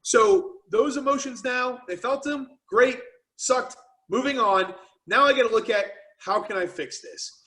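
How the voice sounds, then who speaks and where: A man who founded a business, speaking as a guest on a video call with energetic, casual motivational talk full of "you know" and "right". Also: sits high, poor audio.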